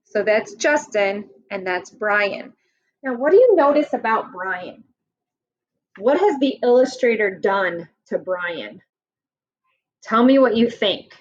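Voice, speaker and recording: Reading a picture book to a class, a woman teacher stops now and then to put questions to her young listeners. She speaks slowly and patiently in a mid-range voice with lively intonation, though the recording is muffled.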